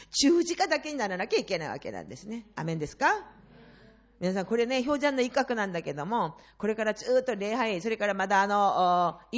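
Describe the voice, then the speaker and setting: A middle-aged woman preacher giving an impassioned sermon to a congregation, swinging between hushed and loud passages. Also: mid-range voice. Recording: slightly dull lo-fi sound.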